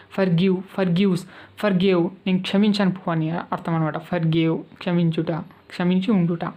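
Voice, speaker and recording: A woman's voice: mid-range voice, warm tone. A woman with a Telugu accent teaching spoken English, patiently repeating each verb form and checking that her students follow.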